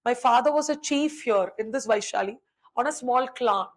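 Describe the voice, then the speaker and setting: A woman's voice: fairly high pitch, moderate pace, rough recording. A woman history teacher, telling a story in a lecture and acting out the characters' dialogue.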